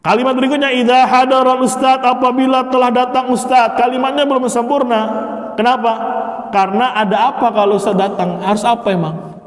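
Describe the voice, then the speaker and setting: A man teaching Arabic grammar in a mosque hall, quizzing his class with rising questions and answering them himself in low, soft tones. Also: little pitch movement, a little fast. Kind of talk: classroom lecture with call-and-response questions. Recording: roomy hall reverb.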